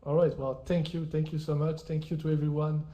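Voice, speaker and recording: Very dark-voiced male talk show host. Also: fairly high pitch, level tone. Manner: brisk, with short "all right" transitions. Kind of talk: rapid-fire quiz questions in a live virtual reality talk show.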